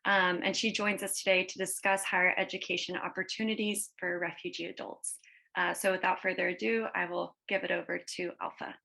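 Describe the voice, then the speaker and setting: A woman's voice: on the low side, flat delivery, fairly quick, creaky, bright, forceful tone. A woman moderating a conference, giving a formal introduction of speakers.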